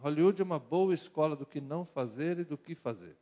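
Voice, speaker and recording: A man's voice: on the high side, expressive, a little fast, dark tone. A middle-aged man with a Brazilian Portuguese accent, a pastor giving a sermon to young people, speaking conversationally with jokes and repeated phrases. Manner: conversational preaching with jokes and rhetorical repetition.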